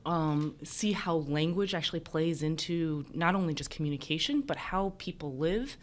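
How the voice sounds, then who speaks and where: An American woman whose first language is Mandarin Chinese speaks as an emergency physician in a reflective interview. She explains things thoughtfully, hedging with "kind of" and "you know." Her voice sits low and is expressive, at a moderate pace.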